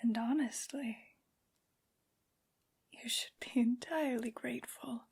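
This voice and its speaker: A woman voicing a haughty, menacing aristocratic vampire lady in a breathy, whispered ASMR roleplay, with slow, condescending phrasing. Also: fairly high pitch, a little mellow, exaggerated voice. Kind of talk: soft-spoken ASMR villain roleplay.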